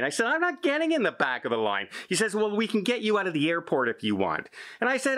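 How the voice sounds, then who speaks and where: A man's voice: a little high, pushed and bright. A man in his fifties from Canada, a travel vlogger telling an exasperated story straight to camera, gesturing as he retells an argument.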